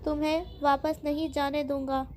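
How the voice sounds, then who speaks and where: A woman's voice: sits high, little pitch movement, darkish tone, a little hiss or hum, natural voice. Woman voicing a growling paranoid old man. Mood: menacing. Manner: growling, menacing.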